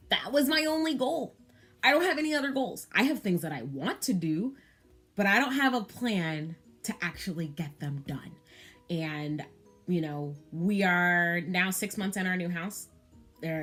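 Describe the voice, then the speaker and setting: A planner vlogger in her thirties talks candidly to camera about planning, with frequent ums and you-knows. Her voice is lowish with a fairly bright tone.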